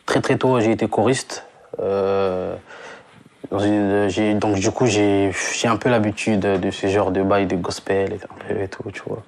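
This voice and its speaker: Man, young adult, from Congo, low voice, loose casual interview talk, stumbles and fillers. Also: a little slow, vocal fry, slight background noise. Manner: relaxed slangy talk with many restarts and fillers. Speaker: singer guest.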